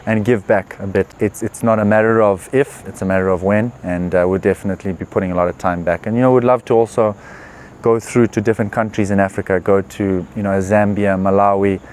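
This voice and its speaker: Male athlete, 20s, lowish voice, relaxed interview answers, faint ambient hiss. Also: fast. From Zimbabwe. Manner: relaxed, earnest, with frequent "uh" and "you know" fillers. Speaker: professional tennis player. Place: tournament venue.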